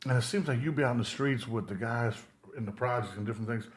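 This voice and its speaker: A man hosting an interview, upbeat and encouraging, with quick affirmations of his guest. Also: mid-range voice. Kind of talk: casual interview chat.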